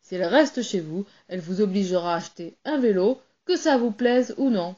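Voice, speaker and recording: A woman voicing a pompous, greedy male doctor with a loud, smug manner. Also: mid-range voice, animated, fairly quick, dull audio, lightly acted.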